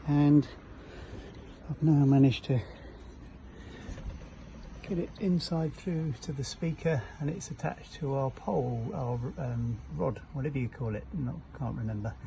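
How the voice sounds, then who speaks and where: A man of medium pitch with a creaky, dark tone and measured pace guides viewers through a casual hands-on DIY job on a small cabin motorboat, presenting for a boat fitting shop's how-to videos. He is at times hesitant, feeling for words while he works. Audio comes from a camera and is dull and lo-fi, with faint noise.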